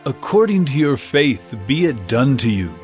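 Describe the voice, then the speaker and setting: An actor playing Jesus in a dramatized audio Bible, a compassionate teacher speaking earnestly and with authority. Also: male voice, mid-range voice, big pitch swings, normal speed, close to an everyday voice. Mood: earnest, teaching. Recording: music behind the voice. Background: background music.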